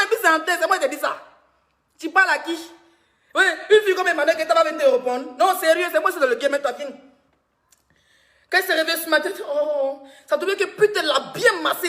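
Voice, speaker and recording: Brief: woman blogger, high sharp voice, mocking live-stream gossip. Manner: mocking, laughs often, teasing.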